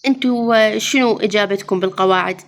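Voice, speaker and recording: A woman's voice: medium pitch, fast. A woman teacher with an Iraqi Arabic accent, going through exam answers step by step. She asks her students questions, answers them herself and calls them "mama". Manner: addresses students fondly as "mama". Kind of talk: exam review lesson.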